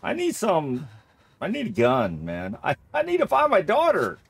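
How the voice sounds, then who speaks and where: A man plays a horror game and gives casual Let's Play commentary, rambling, thinking aloud, and often repeating himself. His gravelly, husky voice sits high with huge pitch swings, at a moderate pace.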